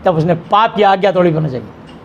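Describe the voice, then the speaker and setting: A man's voice: high-pitched, animated, quick pace, gravelly, muffled recording. A middle-aged man pastor delivering an emphatic sermon in a church hall, asking rhetorical questions and answering them himself.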